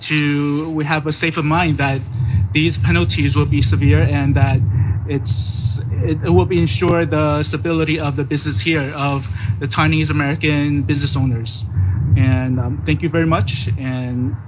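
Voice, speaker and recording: A man's voice: on the high side, flat delivery, normal speed, very noisy. Hesitant man speaking at a podium. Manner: hesitant, frequent fillers and restarts. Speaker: business association president. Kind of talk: unscripted public remarks.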